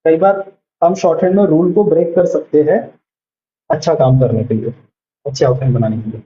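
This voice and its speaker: High-voiced man teaching shorthand in a roomy space. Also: fairly even intonation, fairly quick, highs cut off, slight background noise. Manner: explains patiently, repeating each word as he writes it. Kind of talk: online lesson.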